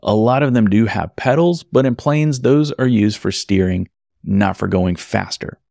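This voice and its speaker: A man's voice: lowish voice, a little slow, gravelly, darkish tone, no room sound, studio quality. A man who works as an event photographer, narrating a personal story in a conversational way with wry asides to the listener.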